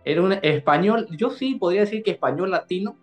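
A man's voice: high voice, expressive, fairly quick, soft background music. A man from Bolivia with a Bolivian accent, a doctor telling a personal story as an interview guest, earnestly repeating words and phrases as he goes. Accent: Bolivian Spanish.

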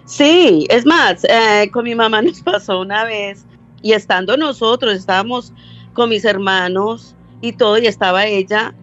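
An older woman from Medellín, Colombia, calls in to tell a casual story, rambling, correcting herself and acting out quoted lines. Her medium-pitched, fairly bright voice is unhurried, with the highs cut off and faint music in the background.

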